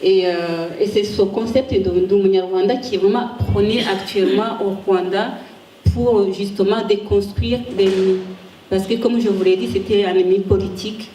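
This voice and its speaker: Captured from afar in a reverberant room with faint hiss, an ethics researcher gives a slide-based conference talk. Her medium-pitched voice is warm and mellow, and she often pauses and restarts while searching for words.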